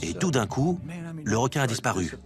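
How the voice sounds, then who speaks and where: A man's voice: mid-range voice, sing-song, normal speed, over loud music. A man telling a first-person story as a documentary interviewee. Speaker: interviewee, shark attack survivor.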